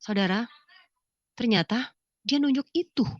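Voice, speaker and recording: A woman giving a spoken religious testimony, acting out conversations with lively vocal shifts. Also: on the high side, measured pace, no echo, dull audio. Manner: animated storyteller who acts out dialogue in a raised voice. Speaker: testimony speaker.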